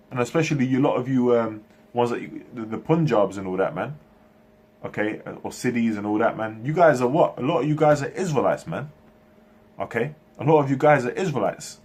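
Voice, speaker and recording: Husky man preaching in halting bursts. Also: mid-range voice. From Turkey, raised in England. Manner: repetitive, ends phrases with "man" and "okay"; halting, frequent restarts. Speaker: religious speaker. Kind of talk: preaching monologue to camera.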